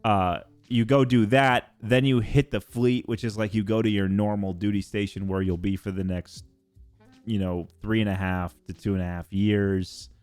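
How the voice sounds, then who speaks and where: A young man chats casually on stream in a lowish voice, wandering from point to point with fillers and the odd curse. The mic is close and dry, with faint music underneath. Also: fairly even intonation, normal speed, a little mellow, smooth, no room sound. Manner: rambling, swears casually, many fillers. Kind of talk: casual chat.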